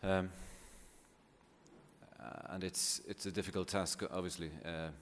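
Speaking unhurriedly in a low, steady voice, this poet from Wales, a native Welsh speaker with a Welsh accent, talks informally and without a script. His manner is hesitant and reflective. Echoes from the hall and noticeable background noise come through.

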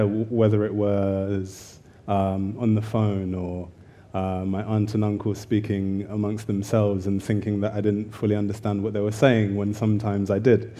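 A man in his thirties from Zambia, a poet answering questions in a thoughtful, measured way on a festival stage. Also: fairly low pitch, warm tone. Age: 30s. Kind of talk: interview conversation on stage.

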